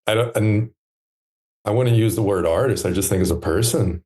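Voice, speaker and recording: A man in his thirties, a podcast guest talking in a relaxed, reflective way with many pauses and fillers. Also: lowish voice. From United States. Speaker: podcast guest, stand maker. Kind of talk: relaxed conversational interview.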